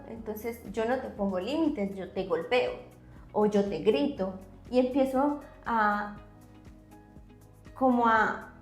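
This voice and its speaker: A woman psychologist explaining concepts on a podcast, teacherly, often checking in with a quick question. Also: on the high side, roomy sound. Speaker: psychologist guest.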